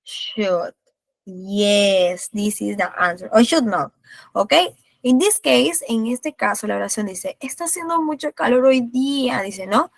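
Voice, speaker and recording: Slow, gravelly woman teaching English. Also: a little high, dry recording. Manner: checks in with tag questions after nearly every phrase; explains in English, then repeats in Spanish. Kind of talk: online class explanation. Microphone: video call.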